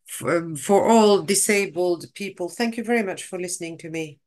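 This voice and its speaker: Low-voiced woman with a Beninese accent. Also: normal speed, a little mellow. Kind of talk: halting introduction on a video call. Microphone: computer mic on video call.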